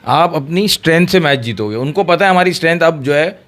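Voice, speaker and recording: A man hosting a casual cricket chat, explaining tactics at length in an animated way. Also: on the high side, brisk. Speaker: cricket discussion host.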